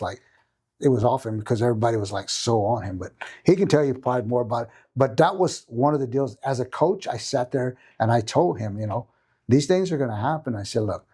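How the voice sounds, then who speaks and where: A man's voice: medium pitch, mellow, husky. A middle-aged man, a jiu-jitsu coach telling a long story as a podcast guest, tagging many sentences with questions. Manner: rambling anecdote with many tag questions.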